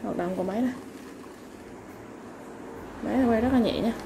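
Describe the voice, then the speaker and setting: Woman w highish voice doing a sales pitch, listing items politely n informally, noisy background. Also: a little fast. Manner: polite, informal listing with repeated stock phrases. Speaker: online seller of used fishing reels. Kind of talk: live product sales pitch, item by item. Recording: clearly noisy background ambience.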